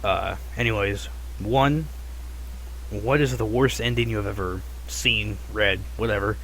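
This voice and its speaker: A man's voice: fairly low pitch, measured pace, fairly bright tone, slight background noise, poor audio. A man with a lisp and whistling s, casually putting a viewer question to a show. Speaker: listener sending a video question. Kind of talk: casual scripted question to a podcast.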